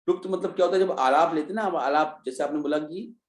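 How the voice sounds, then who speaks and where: A man's voice: a little high, fast, reverberant. A man teaching an online revision class, explaining step by step and answering his own questions. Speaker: Hindi teacher. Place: online class, students joining remotely.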